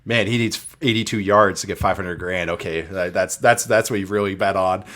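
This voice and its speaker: Low-voiced laid-back football analyst. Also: male voice, fairly quick. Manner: relaxed, self-deprecating. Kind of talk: casual podcast chat.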